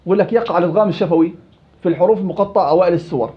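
A man teaching a Quran recitation class, quizzing his students by name in a lively way. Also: high voice, racing. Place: indoor study circle. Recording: dull lo-fi recording.

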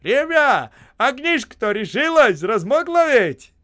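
A man voicing a bold, cheerful older workman who hollers orders and rough scolding. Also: high-pitched, normal speed, dry recording, clean studio sound, voice pushed up, close to an everyday voice. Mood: gruff joking.

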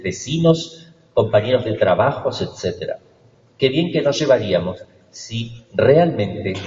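A man's voice: medium pitch, darkish tone. Male priest, homily delivery, rhetorical questions; long church echo, distant mic. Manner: preaching with rhetorical questions and slow emphatic lists. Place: large church. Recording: echoey church hall, distant dull mic.

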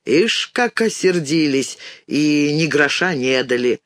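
A man reading an audiobook, voicing a weary, timid old male organ-grinder who talks slowly and mildly with sighs. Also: lively intonation, a bit bright, dry recording, clean studio sound. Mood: grumbling gentle. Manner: slow, low, sighing and mild.

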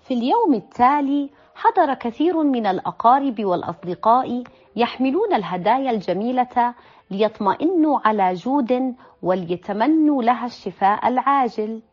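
Expressive woman reading a storybook aloud. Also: fairly high pitch, moderate pace. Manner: expressive, prompts page turns. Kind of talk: children's storybook read-aloud. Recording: slightly dull recording, faint music.

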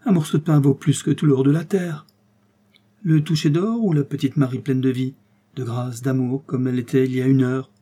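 A mysterious, otherworldly stranger who questions in a measured, knowing way, as a man voices him. His tone is slightly raised and firmer than the narration, yet stays dark and husky, in the manner of a storybook reading. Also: mid-range voice, steady tone, close to an everyday voice. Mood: probing. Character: mysterious smiling stranger, supernatural, calm and knowing.

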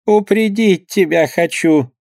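A man reading an audiobook and voicing a fretful elderly mother who pleads slowly with her grown son. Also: high voice, gravelly, a little mellow, dry recording, clean studio sound, pitched above the performer's own voice, heavily acted. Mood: pleading. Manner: slow, wheedling.

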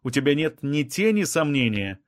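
A man's voice: on the high side, sing-song, normal speed, dry recording, clean studio sound, pitched above the performer's own voice. A male reader voicing an anxious, insistent woman scientist who keeps pressing with questions.

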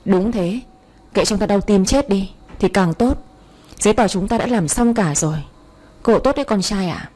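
Woman voices a scheming fifty-something man, smug and gloating, mellow. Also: medium pitch, normal speed, close to an everyday voice. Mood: scornful. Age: 50s. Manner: gloating, taunting. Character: scheming middle-aged man, gloating villain.

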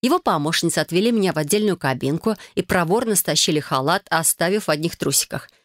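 An audiobook narrator reading a fantasy novel in the first person, with even storytelling. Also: mid-range voice, fast talker, dry recording, clean studio sound.

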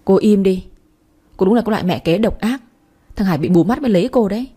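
A protective old grandmother, read by a woman in a spoken story, scolding those who wrong her grandchild. The voice is dark and husky. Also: mid-range voice, animated, fast. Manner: scolding, fiercely defending.

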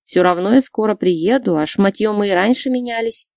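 A woman voicing a blunt, energetic young female friend who talks brashly. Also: medium pitch, fairly quick, creaky, dry recording, clean studio sound, natural voice.

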